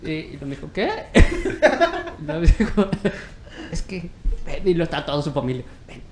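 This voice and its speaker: This is an animated young Mexican man spinning a crude, slangy story in a casual chat. His pitch jumps all over, and the room sounds echoey. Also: measured pace, slight background noise. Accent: Mexican Spanish.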